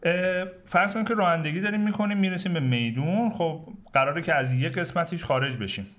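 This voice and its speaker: A man's voice: a little high, a bit bright. A man co-hosting a bilingual English lesson, asking prompting questions and giving short approvals. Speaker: co-host of a language lesson.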